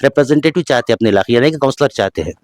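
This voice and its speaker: A man reporting on a neighbourhood street, speaking. His questions run long and formal, at a middle pitch. The sound is dry and close. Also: expressive, racing, no room sound. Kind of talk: vox pop interview questions.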